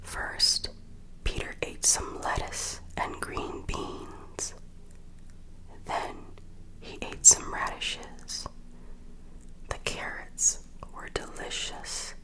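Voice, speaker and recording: The recording quality is poor, but the voice is a woman whispering breathily throughout an ASMR bedtime story for children. She reads gently, taking her time and choosing each word with care.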